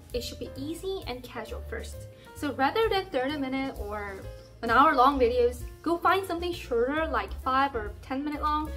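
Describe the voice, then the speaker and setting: A young Korean woman in her twenties, speaking with a Korean accent, gives an upbeat language lesson straight to camera in an indoor room by a plain wall. She is cheerful and playful with emphatic exclamations, and her high voice has a sharp tone.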